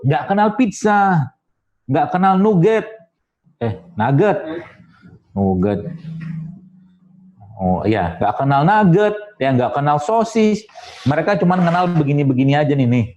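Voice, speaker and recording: A man's voice: on the high side, very animated, normal speed, darkish tone. Chatty male preacher with a lilt. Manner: chatty and humorous, with sound effects and asides. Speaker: preacher and doctor giving a health talk. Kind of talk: religious study talk to an audience. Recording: dull lo-fi recording.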